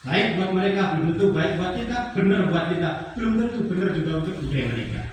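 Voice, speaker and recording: A middle-aged man giving an emphatic training lecture, climbing high through lists and dropping low on asides. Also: animated, quick pace. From Java. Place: training hall. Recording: echoey hall from far off, noisy.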